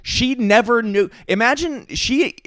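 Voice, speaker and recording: A man co-hosting a casual comedic podcast, animated and acting out quotes from people in his stories. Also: very high voice, measured pace, no room sound, studio quality. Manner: animated storyteller, acts out quotes. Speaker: podcast co-host.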